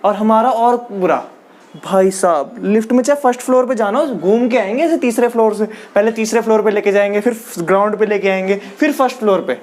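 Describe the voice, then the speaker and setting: A man's voice: high-pitched, fairly quick, a little mellow. A young man doing casual stand-up storytelling as a comedian, chatty and laughing through his own lines. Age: young adult.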